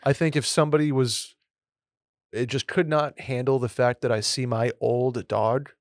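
Man, podcast co-host, casual advice chat, relaxed and agreeable, dry studio sound. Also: medium pitch, moderate pace, dry recording.

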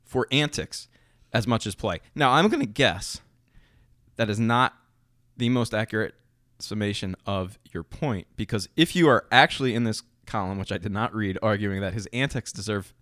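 A man with a Philadelphia accent talks in a loose, rambling way on a podcast, tossing in fillers and jokes. His voice sits fairly low. The recording is close and dry, with no room sound. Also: moderate pace, fairly bright tone, dry recording. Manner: rambling, joking, lots of fillers. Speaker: podcast co-host. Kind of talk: casual chat.

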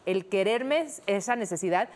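A woman's voice: medium pitch, expressive, normal speed. A woman in a casual chat, candidly reflecting on her own experience. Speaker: podcast co-host.

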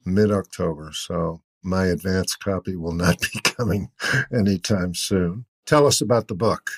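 A man's voice: low-pitched, a little slow, slightly rough. A man hosting a podcast interview, speaking in a thoughtful, hesitant way. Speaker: podcast host. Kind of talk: interview conversation.

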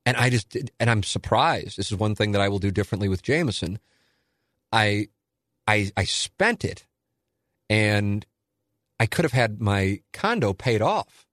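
A man's voice: lowish voice, expressive, unhurried, pauses often, a bit bright, dry recording, studio quality. A man in his forties hosting a solo listener Q&A, talking in a candid, rambling, self-deprecating way. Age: 40s. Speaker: radio and podcast host.

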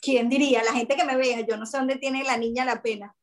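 A woman's voice: a little high, a little fast. A young woman with a Venezuelan accent, chatting casually as an interview guest and acting out others' lines as she tells stories. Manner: lively, expressive, quotes others in dialogue. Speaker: guest, food content creator.

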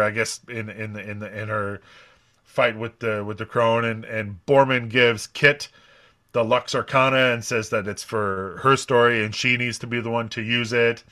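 A man's voice: mid-range voice, sharp tone. A man on a casual podcast, recapping a TV episode in a rambling way with lots of uhs and restarts. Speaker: podcast panelist recapping a show.

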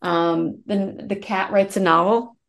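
A woman writer chatting as a podcast guest, talking quickly and rambling, often restarting her thought. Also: mid-range voice, fairly even intonation, vocal fry. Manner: quick, rambling, self-correcting. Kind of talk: casual conversational interview.

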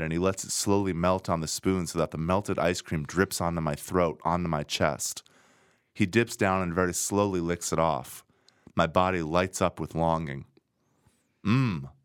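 Deep-voiced sarcastic man reading aloud. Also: clean tone, no echo, clean studio sound. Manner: sarcastic, deadpan asides between read passages. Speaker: podcast co-host reading a novel aloud. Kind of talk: casual chat with dramatic reading.

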